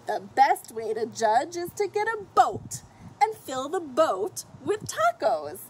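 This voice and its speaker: A middle-aged woman with a high voice reads a picture book to children out on a fenced patio or deck. She's expressive and emphatic, talking straight to the kids and to the characters. The clip comes from an outdoor camera set a little way off, with faint background noise.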